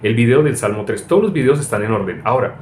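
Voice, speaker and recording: A man's voice: medium pitch, animated, fast talker, a little mellow. A man teaching the Bible as a preacher, firing rhetorical questions and mimicking people's prayers. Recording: echoey room with faint ambient noise.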